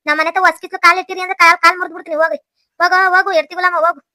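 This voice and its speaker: A woman acts out a shrill, rapid-fire village scold from a cartoon, tearing into her family with a North Karnataka Kannada accent. The voice sits very high and races along, bright and sharp, in a close, dry recording. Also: little pitch movement, no echo, full character voice. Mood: furious. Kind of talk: cartoon voice acting.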